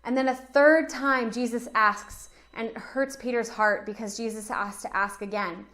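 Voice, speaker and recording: A woman teaching a children's Bible lesson with enthusiastic, expressive storytelling. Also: on the high side, normal speed.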